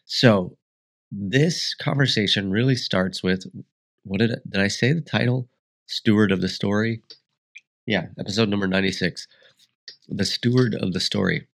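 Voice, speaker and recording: Congested and sniffling, a male podcast host talks alone at a normal pace, his fairly low voice carrying vocal fry. His musings wander, and he keeps starting over.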